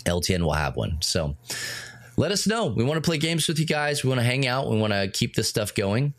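A man's voice: medium pitch, big pitch swings, a little fast, dry recording. A man co-hosting a casual podcast chat, rambling and correcting himself as he jokes with his co-host. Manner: rambling, self-correcting, playful banter.

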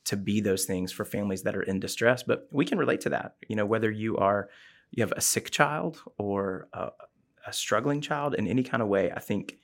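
A man's voice: on the low side, fairly quick, vocal fry. A man hosting a casual Bible discussion, explaining the passage in an earnest, thoughtful way. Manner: earnest, explanatory, often says "um" and "like". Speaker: podcast host discussing the Bible.

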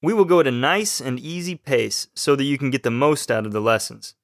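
A man from Texas, co-hosting a scripted language podcast as the student and reading his lines in an even delivery. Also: medium pitch, fairly quick, no echo, studio quality. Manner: even, read-aloud delivery. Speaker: student co-host.

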